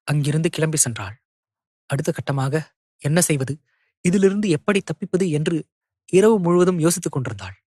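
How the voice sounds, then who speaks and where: A man narrating an audio novel in a steady, measured storytelling manner. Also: a little high, no room sound, studio quality.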